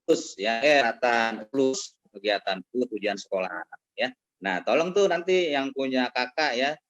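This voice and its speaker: A man's voice: medium pitch, animated, measured pace, a bit bright. Man, school official, hesitant, video call audio breaking up. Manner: hesitant, many "eh" fillers, ends phrases with "ya". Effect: voice breaking up over a bad connection. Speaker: school official giving a welcome address. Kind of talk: speech to pupils over an online class.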